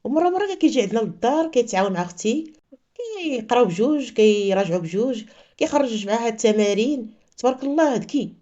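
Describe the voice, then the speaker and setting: Lively fast-talking Moroccan woman storyteller. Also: on the high side, highs cut off. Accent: Moroccan Arabic. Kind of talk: scripted story narration.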